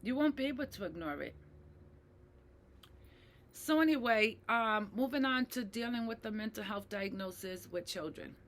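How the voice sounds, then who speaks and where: A woman's voice: on the high side, expressive, moderate pace, pauses often. A middle-aged woman, a mental health advocate, speaking emotionally and personally to her viewers, with many fillers and tag questions. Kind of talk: personal talk to camera.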